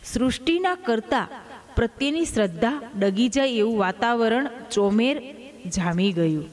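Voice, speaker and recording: A woman reading a devotional story aloud in a measured, expressive narrating style. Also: fairly high pitch.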